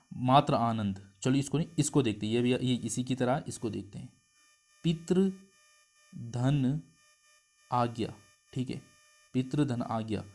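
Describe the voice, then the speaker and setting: A man teaching a Hindi grammar lesson in a middle-pitched voice. He breaks each step down and keeps checking whether his listeners follow. He stretches syllables out slowly and says them over. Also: darkish tone. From India. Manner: explains step by step, asks the class questions. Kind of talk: exam-prep lesson.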